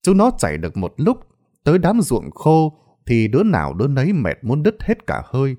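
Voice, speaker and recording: Man narrating a ghost story expressively. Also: moderate pace. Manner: expressive storytelling with lively pitch. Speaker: horror storyteller.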